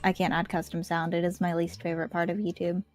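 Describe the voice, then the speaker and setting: A woman's voice: lowish voice, level tone, fast talker, a little mellow, soft background music. A young woman chatting casually and bluntly over a livestream headset mic while drawing, swearing freely. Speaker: art streamer.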